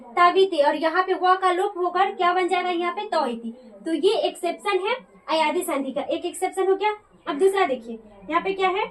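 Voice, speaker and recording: A woman's voice: extremely high pitch, a bit bright. A woman teaching a Sanskrit grammar lesson, often asking a question aloud and answering it herself. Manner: repeats questions and answers them for students. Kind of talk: classroom lecture.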